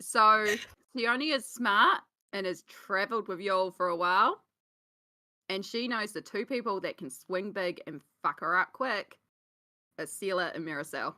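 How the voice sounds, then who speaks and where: A woman playing a tabletop game, chatting casually and excitedly explaining her character's plans. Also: mid-range voice, unhurried. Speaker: player.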